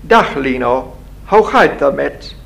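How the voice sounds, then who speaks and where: A man voicing a hearty, cheerful old Christmas figure who teases and greets warmly. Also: mid-range voice, lively intonation, a little slow, creaky.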